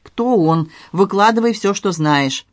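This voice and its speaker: Cool-headed amateur sleuth woman, ironic and quietly threatening voiced by a narrator, dry close mic. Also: medium pitch, a little slow, no room sound, voice pushed up, close to an everyday voice. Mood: menacing. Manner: calm, ironic, quietly menacing. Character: shrewd, unflappable middle-aged woman amateur sleuth.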